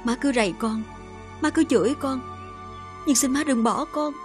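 A woman's voice: high-pitched, normal speed, over music, lightly acted. An actress with a Southern Vietnamese accent playing a troubled young wife who pleads politely with her mother and uncle. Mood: pleading.

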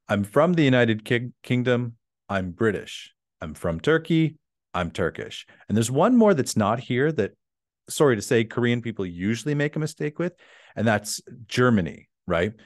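A man's voice: medium pitch, dry recording, clean studio sound. A man teaching an online English lesson, chatty and encouraging, reading example sentences aloud one by one. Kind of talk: online class lecture.

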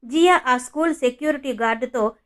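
Woman narrating a story, somewhat high. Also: normal speed, fairly bright tone, smooth.

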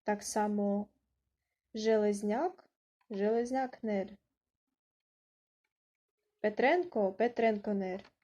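A woman's voice: medium pitch, fairly even intonation, slow pace, long pauses, dark tone, highs cut off. A woman teaching an online language lesson, patiently spelling out words letter by letter.

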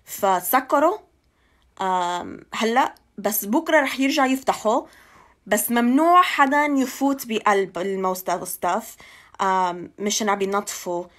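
A woman's voice: medium pitch, moderate pace, fairly bright tone. A young woman from Ohio speaks hesitant Levantine Arabic with an American English accent, giving an informal news update and mixing in English terms. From Ohio, United States. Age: young adult. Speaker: local TV channel presenter. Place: small indoor room. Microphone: phone at arm's length.

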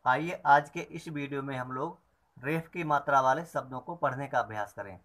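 A man teaching Hindi reading, pronouncing each word clearly and deliberately, one at a time, like a classroom drill. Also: mid-range voice, a bit bright. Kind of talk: slow classroom reading lesson.

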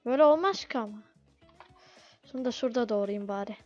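A woman's voice: on the high side, quick pace. A woman commenting casually on a restaurant game she is playing, flustered and begging her customers to be patient. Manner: flustered, pleads with impatient customers. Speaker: gameplay video host. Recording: dull lo-fi audio with game music.

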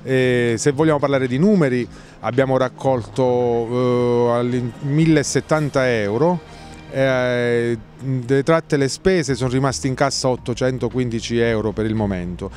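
A man, giving halting, spontaneous interview answers as a project spokesman into a handheld microphone outdoors. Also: medium pitch, darkish tone, soft background music. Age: 30s-40s. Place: outdoors by a hedge.

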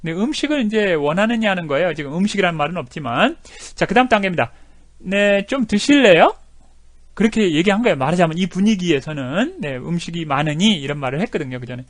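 A man teaching an English video lesson, animated, repeating words over and over to demonstrate how they sound. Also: on the high side, fast, few pauses, dry recording, studio quality.

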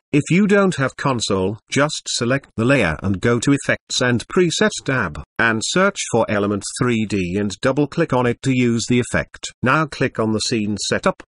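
A synthetic, stilted male computer voice, like an old speech synthesizer, narrating a scripted software tutorial. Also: medium pitch, no room sound. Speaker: tutorial presenter.

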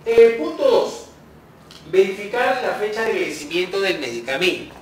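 A man's voice: high voice, sing-song, normal speed, far from the mic. A middle-aged man teaching a paramedic course in a casual lecture, often ending with tag questions and acting out dialogue. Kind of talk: informal classroom lecture. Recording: echoey room, voice from afar, faint hum.

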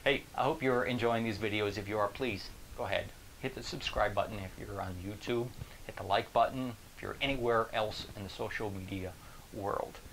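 A man in his forties, a motivational speaker, talking straight to the camera in an animated, joking way, recorded on a lapel mic in a small room. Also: on the low side, moderate pace, a little hiss or hum, low-quality recording. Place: small indoor room with a screen behind.

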